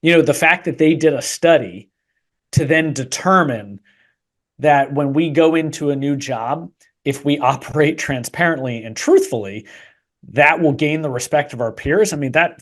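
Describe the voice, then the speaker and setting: A man's voice: medium pitch, normal speed. A man co-hosting a business podcast, talking in a dry, sarcastic way with some hesitant restarts. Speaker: podcast co-host. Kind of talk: casual podcast chat.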